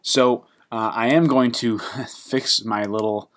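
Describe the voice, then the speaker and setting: A man giving a casual screen-recorded coding lesson, halting and full of fillers as he works at his computer. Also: medium pitch, steady tone, fairly bright tone. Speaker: programming instructor.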